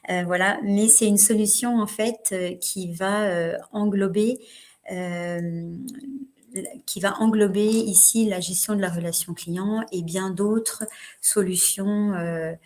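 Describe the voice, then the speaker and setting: A woman's voice: medium pitch, steady tone, takes it slowly, darkish tone. A woman giving an online workshop, talking hesitantly with many fillers and restarts as she walks through slides. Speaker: trainer presenting a webinar. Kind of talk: live online workshop presentation.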